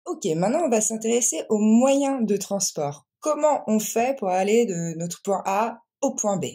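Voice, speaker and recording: Lively woman teaching English. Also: on the high side, breathy edge. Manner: slow, carefully articulated model phrases. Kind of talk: language lesson with repetition drills.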